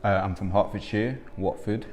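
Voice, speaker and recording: Interviewed for a documentary, a Congolese-born man raised in England, a young father in his twenties, reflects thoughtfully and says "um" often. He speaks at normal speed in a low, darkish voice, against slight background noise.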